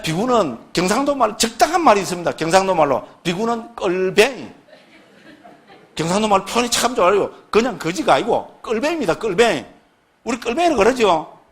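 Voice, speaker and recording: A man lecturing on Buddhist scripture, first reciting a text slowly and then explaining it with constant tag and rhetorical questions. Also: sits high, fairly bright tone. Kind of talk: slow recited scripture reading, then lively classroom lecture.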